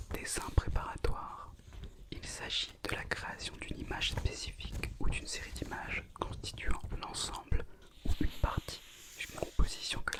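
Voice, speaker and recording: A woman reads an educational script in an intimate, unvoiced ASMR whisper.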